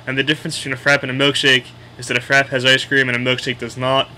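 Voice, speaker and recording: A man's voice: mid-range voice, level tone, fast talker, sharp tone, slight background noise. A man with a Boston accent casually explaining local slang in a blunt, opinionated, sweary way. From Boston area, United States.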